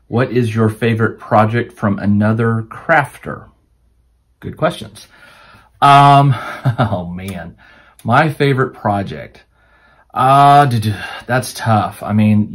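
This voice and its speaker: A man hosting a crafting channel, answering viewer questions in a casual, rambling way, with many fillers and restarts, while his voice starts to wear out. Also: on the low side. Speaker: host of a tabletop crafting channel. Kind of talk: casual Q&A chat to camera.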